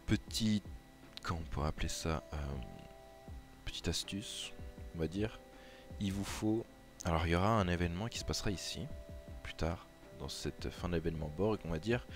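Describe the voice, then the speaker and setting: A man from France explaining a mobile strategy game over a screen recording, chatty and hesitant, with many fillers and restarts. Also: deep voice. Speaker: gaming YouTuber. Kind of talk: casual game tutorial commentary. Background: background music.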